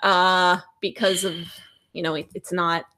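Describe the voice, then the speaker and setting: A woman's voice: on the low side, little pitch movement, pushed and bright. Hesitant woman in casual chat. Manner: hesitant, halting, many fillers. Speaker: co-host of a live stream discussion.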